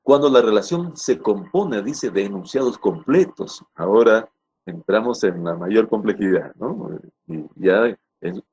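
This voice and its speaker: A man teaching a spelling lesson, pausing with fillers and often checking in with his students. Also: fairly low pitch, darkish tone, a little hiss or hum. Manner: checks in with frequent "¿no?" and "¿ya?"; hesitant, repeats words with "eh" fillers. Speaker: language teacher.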